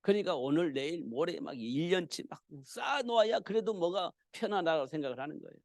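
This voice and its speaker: Speaking briskly with lively intonation, this male pastor gives a casual, conversational midweek church sermon and repeatedly answers his own rhetorical questions. His voice is a bit high, creaky and gravelly, with a darkish tone, captured dry and up close with almost no reverb.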